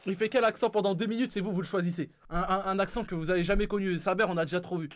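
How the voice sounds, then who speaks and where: A man's voice: sits high, steady tone, rapid-fire. A young man hosting a stream, teasing his guest and talking to his chat. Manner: teasing, mischievous, addresses chat. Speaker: streamer host.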